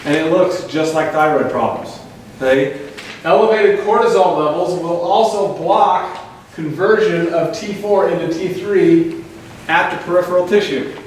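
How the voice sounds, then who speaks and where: A man giving a lively health workshop lecture to a live audience, asking them questions and adding sarcastic asides. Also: high-pitched, a little slow. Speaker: chiropractor presenting a health workshop. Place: large echoey room with a live audience. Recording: very echoey room, distant mic, faint noise.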